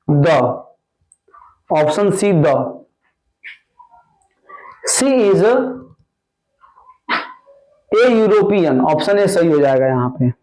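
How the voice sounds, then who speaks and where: A man teaching an exam-prep grammar lesson, going slowly and repeating each answer word by word. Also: high-pitched, a little mellow, low-quality recording. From India. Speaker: English teacher.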